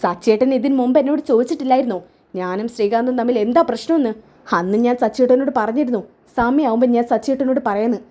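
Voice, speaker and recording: A wounded young wife speaks with bitter defiance, voiced by a woman narrator. Her voice sits high and bright. It is barely set apart from the reader's own voice. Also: fast talker, natural voice. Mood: hurt, bitter. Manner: sobbing, bitter, defiant complaints. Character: young wife, hurt and angry.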